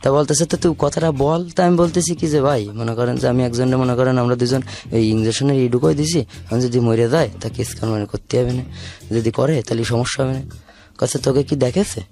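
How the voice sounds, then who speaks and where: A man with a southwestern Bangladeshi accent from the Khulna region tells his life story over background music, speaking fairly quickly in a medium-pitched, dark-toned voice. His informal confession rambles and repeats, and he acts out remembered dialogue.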